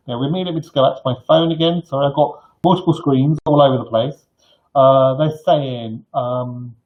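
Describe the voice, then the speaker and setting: Middle-aged man with dull, lo-fi sound. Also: medium pitch. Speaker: gardening live stream host. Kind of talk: informal question-and-answer advice to camera. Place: bright living room indoors.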